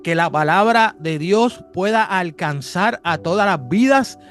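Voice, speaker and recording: A man hosting a religious interview show, affirming and quick to agree with his guest. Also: high voice, expressive, fairly bright tone, faint music behind. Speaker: host.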